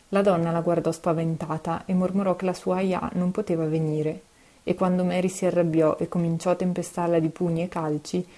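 A woman reading a children's novel aloud with a low, mellow voice. She keeps a steady, expressive storytelling pace. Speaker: narrator.

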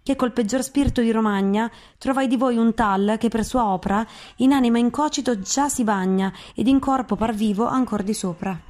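A woman giving a measured, solemn recitation of classic verse. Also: fairly high pitch, a little mellow. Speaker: reader.

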